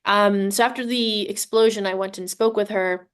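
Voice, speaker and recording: A woman's voice: mid-range voice, steady tone, normal speed, smooth. A woman, a tech company CEO, giving a conversational personal account on a webinar video call, with many ums and restarts. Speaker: tech CEO, panel guest.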